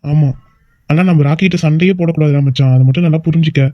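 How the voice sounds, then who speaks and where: A woman's voice: sits low, fairly even intonation, quick pace, no echo, natural voice. A woman voicing a young man who schemes with his friend in an amateur cartoon. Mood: scheming. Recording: dull lo-fi recording.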